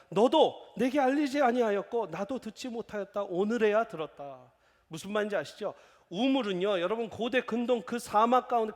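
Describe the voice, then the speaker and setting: A male pastor giving a sermon in a lively, jokey preaching manner. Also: sits high. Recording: echoey church hall.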